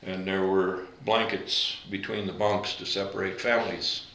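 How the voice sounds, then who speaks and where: Veteran in his 80s, born in Latvia, low bright voice, room echo. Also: flat delivery, slight background noise. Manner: unhurried, halting with fillers and self-corrections. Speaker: veteran interviewee. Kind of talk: oral history interview.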